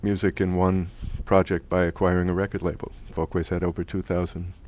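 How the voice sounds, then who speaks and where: A man's voice: low voice, flat delivery, brisk, a little mellow. A middle-aged man presenting an online lecture, talking conversationally and thinking aloud with restarts. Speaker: presenter from a music archive.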